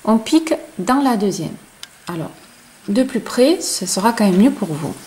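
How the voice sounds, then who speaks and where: A woman with a non-native French accent, teaching crochet step by step and counting stitches aloud in a chatty, soft-spoken way. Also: medium pitch, sing-song, moderate pace, a little hiss or hum, poor audio. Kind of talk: slow step-by-step tutorial.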